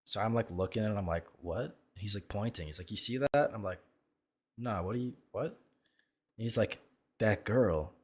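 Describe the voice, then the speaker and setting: A man's voice: lowish voice, moderate pace, slightly rough. A man casually telling a crude, self-mocking story, rambling with lots of restarts. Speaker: streamer reacting to videos.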